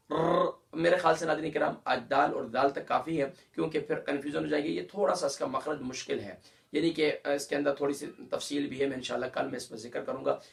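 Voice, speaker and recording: Gravelly man teaching Quran recitation. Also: on the high side, a bit bright. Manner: explains letters, then recites verses slowly and drawn out. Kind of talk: Ramadan tajweed lesson.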